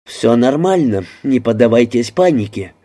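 Man reading a calm young American woman. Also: medium pitch, normal speed, close to an everyday voice.

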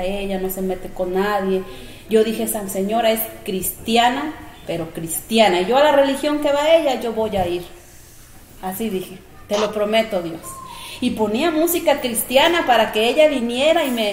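A woman giving an emotional personal faith testimony, acting out her own past conversations as she tells it. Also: a little high. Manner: emotional, animated storytelling with quoted dialogue. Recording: echoey room with faint ambient noise.

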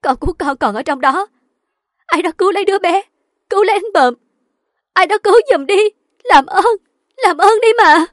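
A woman voicing a desperate young mother with shrill, sobbing pleas. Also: animated, fairly quick, hardly any pauses, darkish tone, dry recording, clean studio sound. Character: desperate young mother crying for her child.

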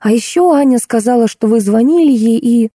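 Dark-voiced woman narrating an audiobook. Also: a little high, breathy edge, no echo, studio quality. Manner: even, measured storytelling. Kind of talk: scripted narration.

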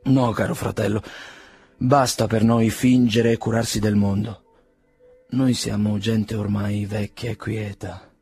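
A man's voice: slightly rough, no room sound, full character voice. A man reading as a solemn ailing aristocrat. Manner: measured, solemn, low and quiet.

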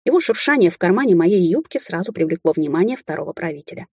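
A woman's voice: lowish voice, animated, fast talker, darkish tone, husky, dry recording, clean studio sound. A woman narrating a first-person fantasy audiobook in a wry, sardonic manner.

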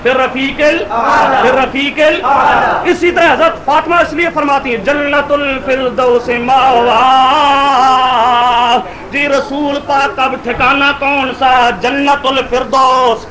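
A man giving a fervent, declaiming speech in a public religious debate, often shouting. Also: very high-pitched, steady tone. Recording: noisy crowd around a speaker.

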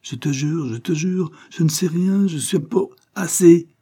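A man's voice: fairly high pitch, fast talker, mellow, slightly rough, voice pushed up. A man voicing a young, terrified male servant who stammers and pleads in a storybook reading.

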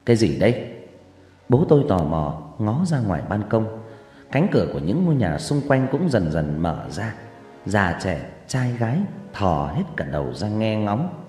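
A man tells a scripted horror story in a low, mellow voice that rises and falls dramatically. He builds suspense with slow, drawn-out pauses. A long echoey reverb and soft background music wrap around the narration. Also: sing-song. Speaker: audiobook narrator.

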